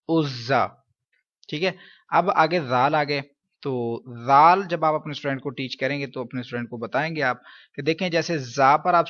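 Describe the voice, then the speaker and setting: A man with a Pakistani Urdu accent teaches Quran reading, spelling out letters in slow, drawn-out drills and checking in with "okay?" along the way. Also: on the high side, a bit bright, lo-fi sound. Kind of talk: step-by-step recitation lesson.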